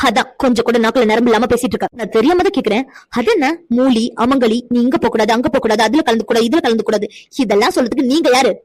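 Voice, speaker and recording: A woman's voice: on the high side, fast, darkish tone, no echo, close to an everyday voice. A woman voicing a defiant young woman in a cartoon, indignant and lecturing as she defends her friend. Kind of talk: cartoon voice acting.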